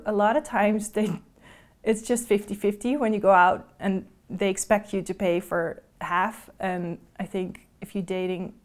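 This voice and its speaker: A woman's voice: mid-range voice, a little mellow. A woman in her thirties from the Netherlands, a native Dutch speaker talking in English, candid and musing in a casual interview. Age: 30s. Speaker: blind date participant. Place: indoors, hotel room and restaurant.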